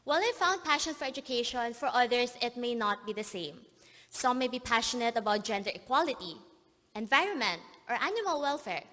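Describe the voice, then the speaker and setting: A young woman delivers a commencement address in a high, bright voice. She is earnest and moved, at times pausing to steady herself. Her words carry a long echo through a big convention hall. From born in Korea, raised in the Philippines. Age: young adult. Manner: earnest, emotional, pausing and apologizing as she chokes up. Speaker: graduation speaker. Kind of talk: commencement speech. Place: large convention plenary hall.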